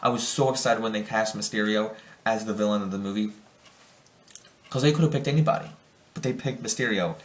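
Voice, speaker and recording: A man's voice: lowish voice, roomy sound. A young man giving a casual spoiler review of a film, rambling and enthusiastic, often restarting his sentences. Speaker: movie reviewer.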